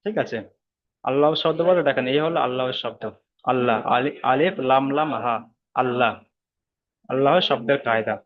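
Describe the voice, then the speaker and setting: A man's voice: medium pitch, normal speed, pauses often, highs cut off. A man teaching Quran reading in an online class, explaining each rule step by step, repeating it, and drawing out the recited example words.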